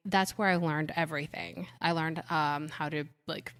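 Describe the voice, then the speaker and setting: A young woman from Puerto Rico, a native Spanish speaker, chatting as a podcast guest in an animated, storytelling way. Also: low voice, moderate pace, soft background music. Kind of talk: casual conversation.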